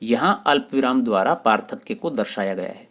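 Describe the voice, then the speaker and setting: A man hosting his own channel and teaching a grammar lesson for exam preparation, explaining terms one by one with short pauses. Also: mid-range voice, animated, fairly bright tone.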